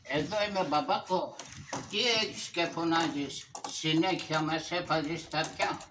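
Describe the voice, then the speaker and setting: A man voicing a cheeky, eager boy sidekick in a loud shadow puppet show. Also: a little high, lightly acted. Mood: teasing. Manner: shouting, teasing, calls his father "μπαμπάκο". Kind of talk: live shadow puppet theatre. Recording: echoey, distant, noisy live show.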